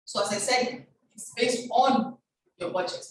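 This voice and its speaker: An older woman giving a formal, measured presentation as a guest speaker, heard over a conference call. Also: on the high side. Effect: conference call audio. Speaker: guest speaker, chief pharmacist. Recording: echoey, distant online conference call with background noise.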